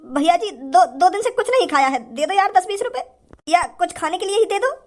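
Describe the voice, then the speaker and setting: A man's voice: extremely high pitch, expressive, fairly quick. An actor playing a poor, hungry young male beggar who pleads for a little money in a comedy sketch. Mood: pleading. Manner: begging, pleading.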